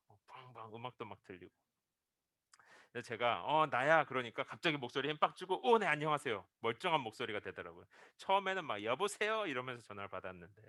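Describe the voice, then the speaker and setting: A man preaching a Sunday sermon. His pitch swings widely as he tells stories and acts out the quoted lines, and his tone is bright and forceful. He is close to the microphone, and the sound is dry. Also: dry recording. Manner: storytelling with acted-out quotes, rising to emphatic peaks. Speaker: pastor.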